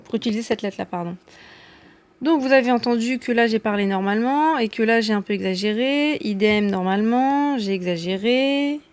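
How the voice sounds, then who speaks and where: A woman's voice: a little high, a little fast. A woman giving a casual video lesson as a language teacher, chatty and self-deprecating, with frequent hesitations and an encouraging tone. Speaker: Arabic teacher.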